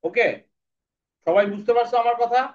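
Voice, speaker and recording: A man teaching an English phonics lesson, repeating sounds slowly and checking whether the students understand. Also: extremely high pitch. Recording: dull lo-fi sound, faint background noise.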